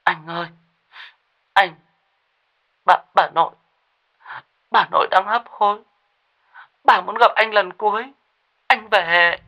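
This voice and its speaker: A man's voice: high voice, takes it slowly, pauses often, sharp tone, muffled recording, voice pushed up, heavily acted. A man voicing a young wife in a ghost story, with a choked voice as if close to tears. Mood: tearful. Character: young wife, tearful and urgent.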